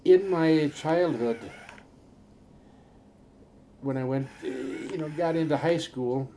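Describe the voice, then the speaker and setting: Gravelly and dark yet pitched on the high side, this older man's voice recounts memories in a halting, rambling way with many fillers. He's from a Norwegian-speaking farm family in the upper Midwest, recorded in an oral history interview with a little hiss or hum.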